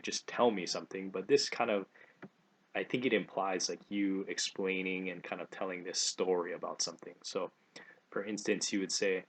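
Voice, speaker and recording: A man speaks in a very low voice. He teaches in a relaxed, casual way, slowing down to say each phrase twice. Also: a little hiss or hum. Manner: relaxed, repeats phrases slowly and clearly. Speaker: language teacher. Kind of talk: casual video lesson.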